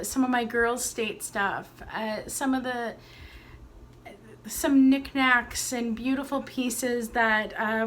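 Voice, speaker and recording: A young adult woman vlogging from home, gushing and excitable as she unboxes and shows art. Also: on the high side, slight background noise. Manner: gushing, excitable, breathy exclamations. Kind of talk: casual home vlog, unboxing. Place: at home, indoors.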